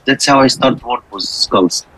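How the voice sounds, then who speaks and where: A man's voice: mid-range voice, unhurried, pushed and bright, breathy edge, poor audio. A man from Egypt with an Egyptian accent and Arabic as his first language, speaking simple non-native English as he tells his story in an interview, often repeating phrases. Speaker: interview guest, skull carver.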